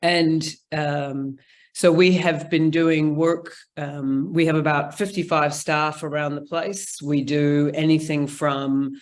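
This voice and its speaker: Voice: mid-range voice, level tone, slow. Chatty New conference speaker. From New Zealand. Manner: chatty, informal, frequent ums. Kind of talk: presenting a talk over video call. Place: indoor room, remote. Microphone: video call.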